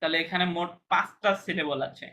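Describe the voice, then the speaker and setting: A man's voice: a little high, fast, pushed and bright. A man teaching a language class, patiently explaining pronunciation step by step and checking whether students understand.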